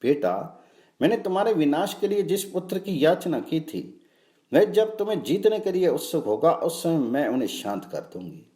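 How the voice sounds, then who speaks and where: A man's voice: on the high side, sing-song, moderate pace, warm tone, reverberant. A man reading the lines of the mother goddess Diti in earnest, imploring recitation. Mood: tender. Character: devout mother goddess Diti, pleading, gentle.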